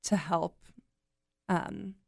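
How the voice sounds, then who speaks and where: A young woman chatting upbeat and friendly as an interview guest, quick to laugh. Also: fairly low pitch, steady tone, creaky, a little mellow, no echo, studio quality. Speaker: guest, nonprofit communications coordinator. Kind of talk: casual interview chat.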